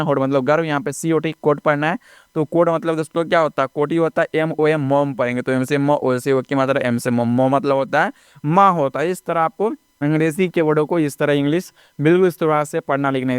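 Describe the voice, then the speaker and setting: Guy teaching english spellings, slightly high clear voice, dry close sound. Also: fairly even intonation, brisk, no echo. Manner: repeats "दोस्तों" and "ठीक है ना" often, spells words letter by letter. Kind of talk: classroom-style phonics lesson.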